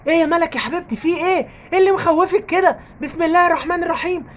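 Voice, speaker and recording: A woman's voice: extremely high pitch, racing, slight background noise, pitched above the performer's own voice. A woman voicing a caring, jumpy father with an Egyptian Arabic accent, fussing and exclaiming. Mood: worried.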